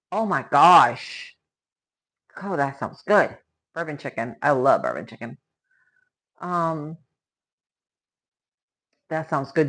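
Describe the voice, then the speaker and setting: Cooking at home on a live stream, this lower-voiced woman keeps up casual, chatty talk with her audience, her tone a bit bright. She exclaims often and thanks viewers as she goes; she was born in Spain to Cuban parents and grew up in Florida from age ten.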